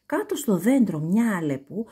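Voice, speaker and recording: This woman's husky, medium-pitched voice brings a children's story to life through an animated, expressive reading full of wide swings in intonation.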